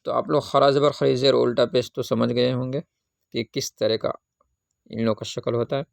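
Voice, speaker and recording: A man teaching a Qaida reading lesson, patiently asking questions and answering them himself, with drawn-out syllable recitation. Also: mid-range voice, little pitch movement, gravelly, dry recording, clean studio sound.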